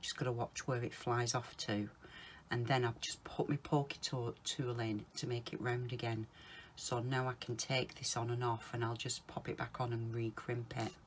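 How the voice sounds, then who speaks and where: A woman talking viewers through a polymer clay project, chatting casually, calling them guys and murmuring softly to herself as she works. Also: rumbling low, level tone, normal speed, a little hiss or hum. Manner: chatty, often calls viewers guys, mutters softly to herself while working. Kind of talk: casual crafting tutorial.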